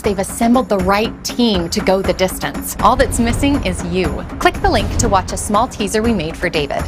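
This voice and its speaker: A woman reading an upbeat, salesy promotional voice-over with playful asides. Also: medium pitch. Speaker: ad narrator. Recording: voice-over with clear music behind. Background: music.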